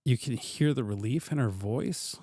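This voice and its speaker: A man's voice: mid-range voice, normal speed, mellow, dry recording, studio quality. A man hosting a casual reaction commentary, often repeating words as he stumbles, and swearing now and then. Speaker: commentator host.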